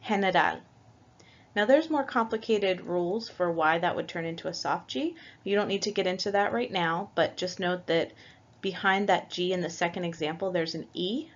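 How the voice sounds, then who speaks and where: A woman teaching a Spanish language lesson, going through the alphabet letter by letter and patiently spelling out each example. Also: lowish voice. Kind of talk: slow, careful language lesson. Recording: dull lo-fi recording.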